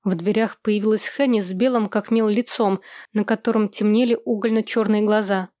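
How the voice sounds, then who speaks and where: A woman narrating a literary novel as an audiobook, in a steady, even storytelling manner. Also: medium pitch, moderate pace, no room sound.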